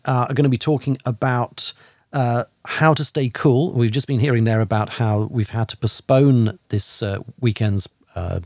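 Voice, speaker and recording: A man hosts a radio podcast in a relaxed, rambling way, with plenty of ums and restarts. His voice is mid-pitched and sounds dry and close, as in a studio. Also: no echo. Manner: rambling, many fillers and restarts. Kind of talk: casual radio chat.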